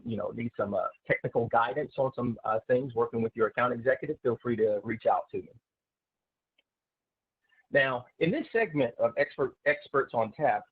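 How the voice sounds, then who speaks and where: A man giving a software webinar as a systems consultant, halting with many filler sounds, his voice heard through a recorded online meeting. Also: medium pitch, slightly rough. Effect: voice heard through a recorded online meeting's screen-share session. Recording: tinny, dry online-call audio.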